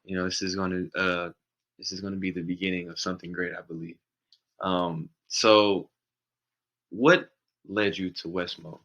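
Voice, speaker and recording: A man's voice: deep voice, flat delivery, moderate pace, fairly bright tone, highs cut off. A man hosting a college podcast, chatty and enthusiastic as he introduces a guest and shares his own experience. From St. Louis, USA. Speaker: podcast host. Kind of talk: podcast interview.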